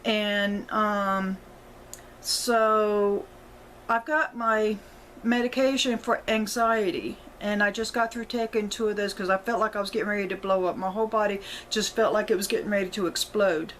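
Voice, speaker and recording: A middle-aged woman vlogger speaks casually to her viewers, rambling, apologizing, correcting herself and nearly crying. Her mid-range voice holds a steady tone at a moderate pace, a bit bright, over slight background noise in a rough recording.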